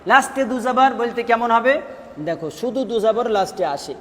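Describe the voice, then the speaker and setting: This man's voice is extremely high and fairly bright, and he speaks fairly quickly, with a long reverb tail trailing his words. He's running a classroom lesson on Quran recitation rules, questioning students, echoing their replies, and drawing out syllables for practice.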